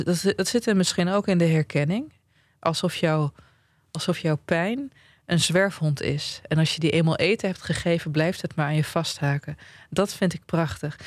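Animated podcast host, dry sound. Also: male voice, on the high side, dry recording. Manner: animated, stammers on restarts, joking. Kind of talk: casual podcast chat, reading song lyrics aloud.

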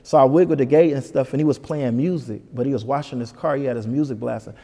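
A man telling a story as an interview guest, animated and full of "you know what I'm saying.". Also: mid-range voice, quick pace, vocal fry, long reverb tail. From Detroit. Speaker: comedian guest.

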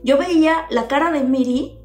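A woman telling a story in casual chat, expressive and explaining things to her listeners. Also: sits high, moderate pace, reverberant, faint music behind.

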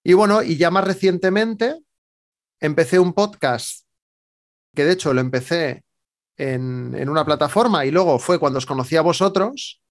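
A man's voice: on the high side, animated, normal speed. A man with a Spain Spanish accent, a podcaster guest chatting casually in an interview, with many fillers and restarts.

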